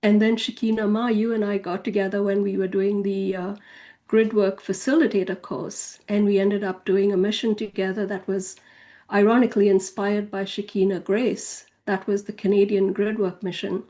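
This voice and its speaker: A woman with a mellow, warm voice tells her personal spiritual story. She talks in a loose, conversational way and leans on fillers. Now and then she lifts her voice to act out what others said. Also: medium pitch, little pitch movement, moderate pace. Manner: chatty, loose, full of fillers like "you know" and "if you will"; acts out quoted speech with a raised voice. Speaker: spiritual author and channel guest.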